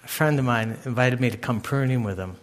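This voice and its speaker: A middle-aged man, a pastor, preaching a sermon with lively storytelling. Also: mid-range voice, brisk. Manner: animated storytelling, acting out others loudly.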